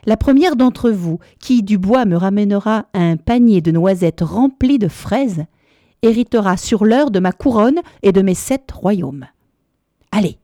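A woman's voice: medium pitch, lively intonation, unhurried, dark tone, no echo, close to an everyday voice. Old storybook king, read by a woman, grave and sorrowful, dry close sound. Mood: solemn. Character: aged grieving king, solemn.

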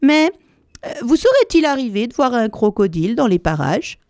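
Woman doing a little elephant boy, high-pitched, curious, very polite, pleading, storybook. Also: animated, a little slow, darkish tone, no room sound, clean studio sound. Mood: polite, eager. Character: small curious polite young male elephant.

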